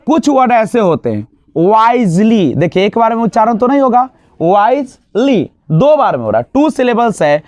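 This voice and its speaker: A man teaching an exam-prep grammar lesson, asking the class questions and answering them himself, and drawing out example words slowly. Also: high-pitched, darkish tone, dry recording. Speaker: English teacher. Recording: dull, lo-fi dry sound.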